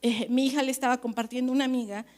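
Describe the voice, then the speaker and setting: A woman pastor, preaching at a leaders' conference in an animated, chatty way, often checking that the audience agrees. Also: sits high, quick pace.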